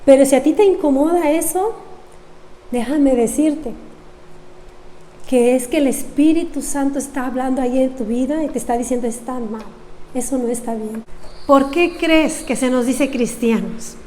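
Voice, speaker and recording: A woman's voice: high voice, mellow, big-room sound. A woman pastor, preaching a sermon earnestly and asking the congregation rhetorical questions. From Mexico.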